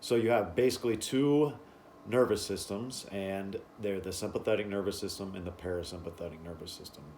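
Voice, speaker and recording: Guy with a lowish voice teaching wellness stuff, pauses between short phrases, noisy ambience behind him. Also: darkish tone. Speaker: breathing and stress-relief class instructor. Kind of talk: informal explanatory wellness talk.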